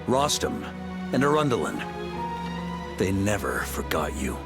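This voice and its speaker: An actor playing a calm, wry noble knight commander in a game, speaking in a measured, gentle way. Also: male voice, low-pitched. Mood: earnest. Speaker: game character voice. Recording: game audio with soft music behind.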